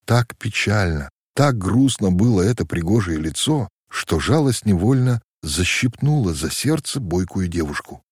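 A male narrator reads a story aloud in a lowish voice with a very lively, expressive delivery. The recording is close and dry. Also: unhurried, hardly any pauses, slightly rough, no room sound. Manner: expressive reading.

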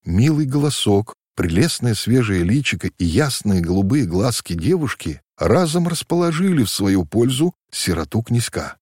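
A man reading a story aloud as narrator in an expressive scripted way. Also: fairly low pitch, moderate pace, hardly any pauses, slightly rough, no room sound, studio quality.

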